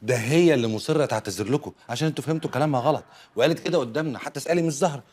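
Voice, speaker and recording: Actor playing a fast-talking Egyptian con man. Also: medium pitch, a little mellow, close to an everyday voice. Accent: Egyptian Arabic. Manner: coaxing, placating, mocking asides. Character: smooth-talking man posing as an education doctor. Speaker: mediator in a staff dispute. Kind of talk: comedy TV series acting.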